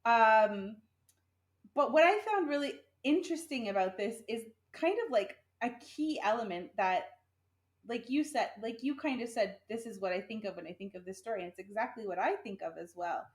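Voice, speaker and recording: A woman's voice: fairly high pitch, expressive, normal speed, echoey room. Giggly chatty woman podcaster. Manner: chatty, giggly, self-correcting. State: pregnant. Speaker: podcast co-host retelling the tale. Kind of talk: casual chat.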